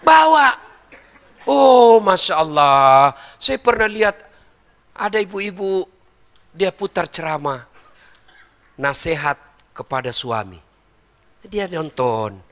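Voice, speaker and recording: A middle-aged preacher delivers a humorous sermon in a high voice, lively and joking as he addresses the audience directly. He takes it slowly with frequent pauses, and a long reverb tail trails his words.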